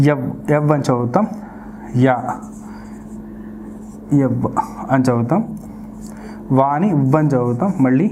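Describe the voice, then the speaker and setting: A woman's voice: low voice, a little mellow, slight background noise. Woman patiently drilling pronunciation sounds. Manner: repeats each sound slowly in a drill; explains patiently, addressing learners directly. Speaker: spoken English teacher. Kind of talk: pronunciation lesson.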